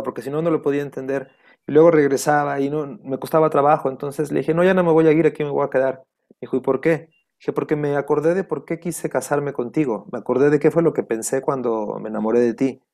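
A man's voice: medium pitch, dark tone. A man telling a heartfelt personal story in an interview, reflective and quoting past conversations. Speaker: guest.

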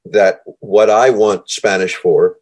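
A man hosts a conversational interview, enthusiastic and rambling, restarting himself many times. His voice is fairly low, steady, and darkish, and he takes it slowly.

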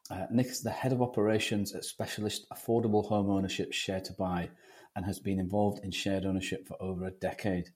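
A man's voice: sits low, level tone, brisk, a little mellow. A man hosting a podcast, chatting informally as he introduces and interviews a guest. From North East England. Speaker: podcast host.

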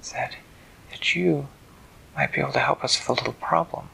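A man voicing a bold, excited girl in a very high, bright voice. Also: normal speed, gravelly, breathy edge, whispered, heavily acted, poor audio. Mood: earnest.

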